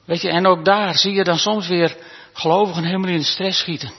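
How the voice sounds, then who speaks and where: A man preaching a sermon to his congregation in a church, talking warmly and conversationally, asking them questions and sometimes restarting his words. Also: high voice, steady tone, a little fast, slightly rough. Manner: stammering restarts. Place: church hall. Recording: reverberant hall, dull lo-fi sound.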